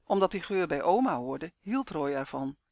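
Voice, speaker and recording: A man narrating a storybook in a clear, even storytelling manner. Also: on the high side, moderate pace, dry recording, clean studio sound. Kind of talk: storybook reading.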